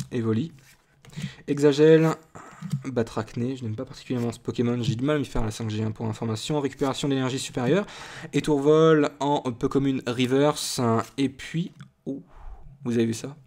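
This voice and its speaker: A man talks in a loose, conversational way, reading off card names one after another. He wanders into side remarks and teases himself for small mistakes. His voice sits at an ordinary middle pitch. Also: darkish tone. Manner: chatty and rambling, listing card names, self-deprecating asides. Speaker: YouTube card-opening host. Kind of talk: casual booster-opening commentary.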